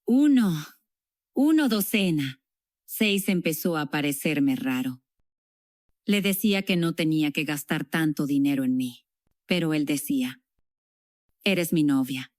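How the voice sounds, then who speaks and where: A woman telling her own story for a documentary in a reflective, measured way, as a dubbed voice-over. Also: low-pitched, dry recording, studio quality. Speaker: interviewee recounting her past.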